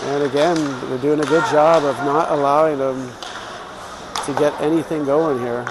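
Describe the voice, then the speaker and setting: A man's voice: fairly high pitch, fairly even intonation, normal speed. A man giving informal, home-team live play-by-play commentary on youth hockey. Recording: clear rink noise behind.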